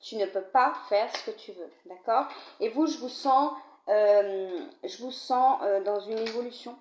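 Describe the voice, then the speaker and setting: Speaking a little slowly over slight background noise, a card reader with a cold coughs as she gives a tarot-style reading to camera. She stays chatty and direct with the viewer, often asking "d'accord?". The home recording is low-volume, dull and roomy.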